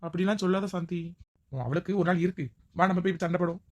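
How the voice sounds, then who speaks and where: A bold, outspoken village woman, sharp-tongued and joking, played by a woman. Her voice sits somewhat low and she speaks very fast. It is a village comedy skit. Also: fairly even intonation, highs cut off, close to an everyday voice.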